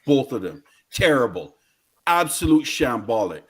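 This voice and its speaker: A man with a Barbadian accent delivers an indignant fan rant about football. His pitch sits in an ordinary male range, and he speaks in slangy, emphatic bursts, hammering points home by repeating them. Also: big pitch swings, a little slow, husky. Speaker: football fan guest caller.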